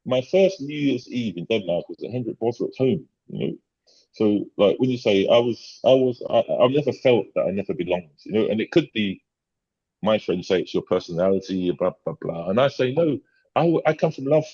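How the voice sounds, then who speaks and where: A man's voice: fairly low pitch, lively intonation, a little fast, mellow, breathy edge. A middle-aged man, a podcast guest chatting casually, rambling with many restarts and tag questions. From England. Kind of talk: casual chat. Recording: dull lo-fi sound.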